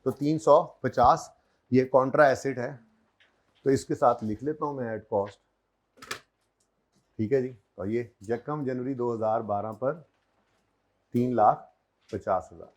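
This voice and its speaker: In a classroom with a board, a man with a Pakistani Urdu accent teaches accounting conversationally, quizzing his students and lightly teasing them. His medium-pitched voice is unhurried, and he pauses often.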